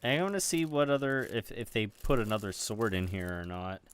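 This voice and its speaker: A man's voice: lowish voice, expressive, a little fast, smooth, dry recording. A man streaming, chatting casually with viewers while he builds. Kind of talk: casual live-stream chat.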